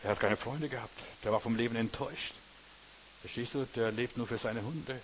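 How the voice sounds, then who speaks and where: In a relaxed, homespun manner, a man gives a sermon and keeps asking if the listener knows and understands. He speaks at a moderate pace and an ordinary pitch, with a faint hiss in the background.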